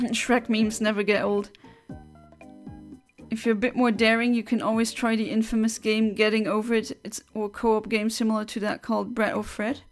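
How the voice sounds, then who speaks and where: A young woman streams over a headset mic, reading viewer comments aloud. She talks in a chatty, giggly, rambling way, with a slightly high voice. Faint game music plays quietly behind her. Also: flat delivery, moderate pace. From Luxembourg. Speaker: livestreamer.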